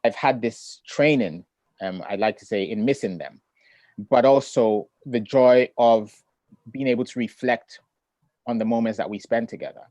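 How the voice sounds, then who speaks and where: Over a video call, a middle-aged man who grew up in Ghana, a poet and author, shares his poetry and chats easily about family. He speaks in a medium, darkish voice, measured and reflective with thoughtful pauses, against a backdrop free of room sound.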